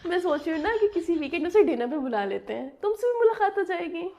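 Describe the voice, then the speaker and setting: A woman's voice: extremely high pitch, sing-song, fast talker, warm tone. A woman playing a teasing, jealous wife in a scripted comedy skit.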